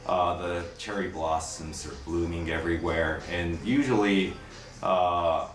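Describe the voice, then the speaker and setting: A man's voice: sits low, fairly even intonation, a little slow. A man vlogging outdoors by a city river and chatting with passers-by, hesitant with many filler uhs. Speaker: vlogger and street interviewer. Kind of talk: casual walking vlog and street chat. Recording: loud street and traffic noise outdoors.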